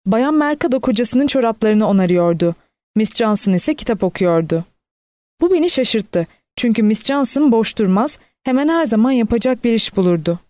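A woman reading a novel aloud in steady audiobook narration, lightly voicing the quoted characters. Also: fairly high pitch, moderate pace, no echo.

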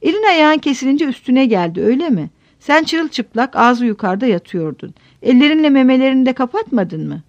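Woman playing middle-aged village headman, insistent, prying, repetitive questions, animated, storybook. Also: sits high, a little fast, few pauses, dry recording, muffled recording. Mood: pressing.

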